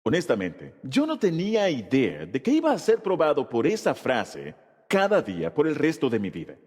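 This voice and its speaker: A man preaching a sermon with a husky, slightly rough voice that sits fairly high. His delivery swings widely in pitch as he presses each point home. A long reverb trails behind his words. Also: huge pitch swings, normal speed, darkish tone. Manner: emphatic preaching delivery with rhetorical questions. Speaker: Spanish voice-over of a pastor's sermon.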